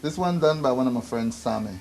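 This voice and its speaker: A man who owns a shop, telling stories in a relaxed way during an interview. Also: medium pitch, brisk, gravelly. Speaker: shop owner. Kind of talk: casual interview answers.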